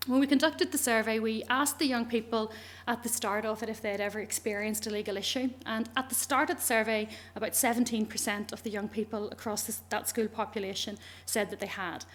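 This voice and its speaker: A woman's voice: on the high side, steady tone, brisk. A middle-aged woman with a Northern Irish accent giving a research presentation to explain findings.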